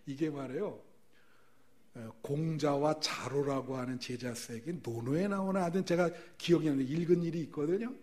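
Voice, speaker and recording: A male pastor preaching a sermon, telling stories with lively rhetorical questions to the congregation. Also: on the high side, brisk.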